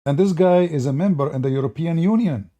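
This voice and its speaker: Speaking briskly in a voice on the high side, a man offers his viewers rambling political commentary full of mockery. His tone stays mellow and relaxed, and he keeps restarting sentences.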